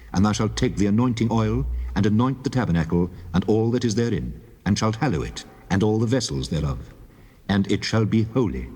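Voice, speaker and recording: A solemn, commanding God speaks inside a long, cavernous reverb. The voice is low and husky. Each command of this scripture drama is measured and stately. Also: male voice, darkish tone. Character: God, solemn commanding male deity giving law.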